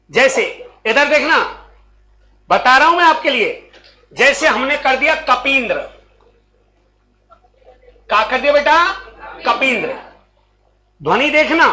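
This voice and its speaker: Slow, bright teacher. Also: male voice, extremely high pitch, poor audio. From Rajasthan. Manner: calls out questions to students and repeats answers; slow, drawn-out teaching delivery. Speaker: coaching class teacher. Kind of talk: classroom Hindi grammar lesson. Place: classroom.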